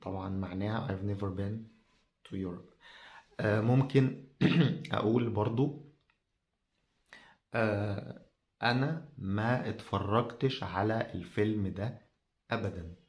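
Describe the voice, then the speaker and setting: A man with an Egyptian Arabic accent teaching a podcast language lesson, slow and halting with many drawn-out fillers. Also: on the low side, darkish tone.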